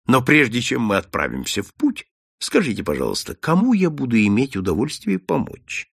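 A man voicing a shrewd, calm detective who speaks softly and kindly, in an audiobook. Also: medium pitch, moderate pace, vocal fry, husky, no echo, clean studio sound, full character voice. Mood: gentle. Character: shrewd male detective, calm and gently confident. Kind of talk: audiobook character voice.

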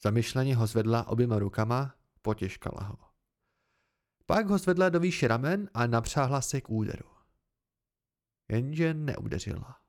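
A man narrating a fantasy audiobook in the first person, in a measured, expressive manner. His voice is mid-pitched and moves animatedly up and down in pitch. It is an amateur reading. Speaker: audiobook reader.

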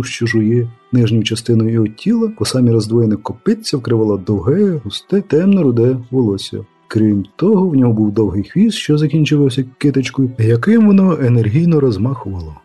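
A man narrating a fantasy story aloud as an audiobook reader, in a steady storytelling manner. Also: mid-range voice, slightly rough. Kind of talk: scripted narration.

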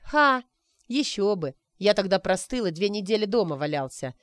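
A man's voice: sits high, big pitch swings, moderate pace, fairly bright tone, clean tone, dry recording. Reader as a cheerful, jovial young man.

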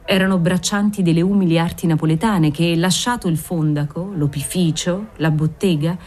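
A woman narrating a classic novel aloud in a measured, descriptive reading. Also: lowish voice, steady tone, darkish tone. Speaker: audiobook narrator. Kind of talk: scripted narration.

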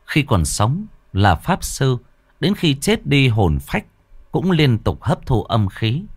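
A man narrating a scripted horror story with lively, dramatic delivery. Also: mid-range voice, takes it slowly, slightly rough, dry recording. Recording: dry close voice, faint music.

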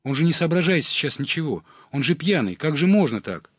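A man's voice: very animated, normal speed, sharp tone, breathy edge, no room sound, clean studio sound, exaggerated voice. A man reading an audiobook, voicing a young woman camper who pleads and protests in a raised voice. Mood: pleading. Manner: higher, urgent pleading.

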